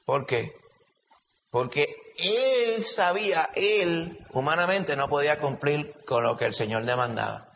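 A man's voice: on the high side, animated, a little slow, creaky, fairly bright tone. A man with a Puerto Rican accent preaching a sermon in a conversational way, often asking his congregation questions. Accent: Puerto Rican Spanish. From Puerto Rico. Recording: dull lo-fi recording with long reverb and faint hiss.

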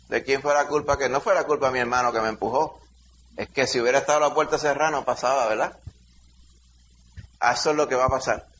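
A middle-aged man with a Dominican accent, a pastor leading a Bible study by telling a lively childhood story with shouted sound effects. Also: a little high. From Dominican Republic. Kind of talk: preaching through a personal story. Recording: dull lo-fi sound, faint hiss.

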